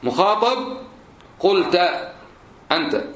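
A man's voice: high voice, very animated, slow, a bit bright. A man teaching a class and drilling verb forms through questions. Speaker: religion teacher. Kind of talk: classroom lesson. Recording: roomy, dull lo-fi recording.

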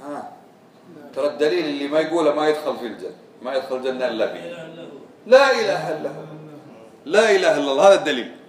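A man's voice: fairly high pitch, animated, rapid-fire, pauses often. A man giving a religious lesson, quizzing his students with repeated questions. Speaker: religious teacher. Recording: echoey room, voice from far off.

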